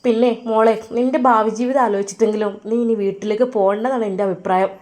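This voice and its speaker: A woman voicing a caring older sister-in-law who gives gentle but firm advice. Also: a little high, fairly even intonation, fast talker, close to an everyday voice. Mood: concerned.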